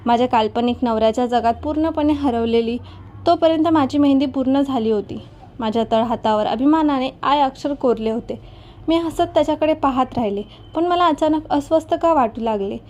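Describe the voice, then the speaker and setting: A woman narrates a heartfelt story in the first person. Her voice sits high with a mellow, soft tone. She reads steadily and evenly. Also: fairly quick, muffled recording.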